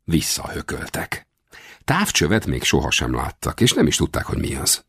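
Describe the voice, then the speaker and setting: Male audiobook narrator, low and animated, expressive first-person adventure reading, dry studio sound. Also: slightly rough, no echo. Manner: expressive, raises pitch for shouted dialogue.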